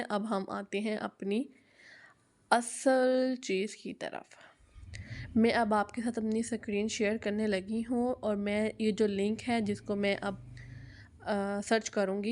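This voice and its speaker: A woman's voice: medium pitch, darkish tone. A young woman giving a casual, chatty how-to talk about teaching online, with frequent fillers and repeated phrases.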